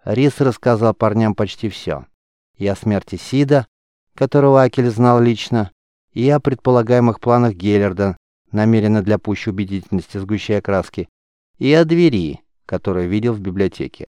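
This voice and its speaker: A man narrating a fantasy audiobook in an even storytelling manner. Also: fairly low pitch, normal speed, clean tone, no room sound. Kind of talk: scripted narration.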